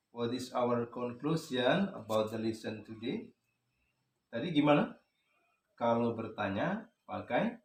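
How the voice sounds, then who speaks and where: A man with an Indonesian accent teaching an English lesson to a class, switching between English and Indonesian and quizzing the students. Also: medium pitch. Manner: mixes English and Indonesian, asks class questions. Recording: echoey classroom.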